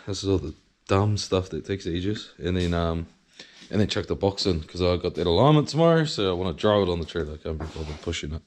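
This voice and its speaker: Casual male vlogger, broad New Zealand accent, deep-pitched, slangy and sweary, slightly noisy handheld recording. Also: animated, quick pace. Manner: laid-back, slangy, sweary. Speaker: vlogger and drift car driver. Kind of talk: casual video diary.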